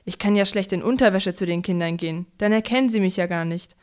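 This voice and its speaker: An old, bearded Saint Nicholas who grumbles and mutters in a gruff way, as a woman puts him on. Her voice stays clear and smooth under the grumble, fitting a bedtime storybook. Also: medium pitch, quick pace, darkish tone, close to an everyday voice. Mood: grumbling.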